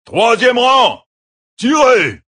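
Man shouting as a barking army commander. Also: very high voice, big pitch swings, drawn-out words, pitched above the performer's own voice, heavily acted. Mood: shouting orders. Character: male commander barking volley orders.

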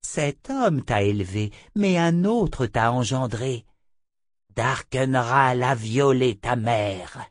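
Cold imperious old seer woman, read by a man, slow and dry. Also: medium pitch, expressive, dry recording, voice pushed up. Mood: insistent. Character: old female seer, harsh and scornful. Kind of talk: audiobook character voice.

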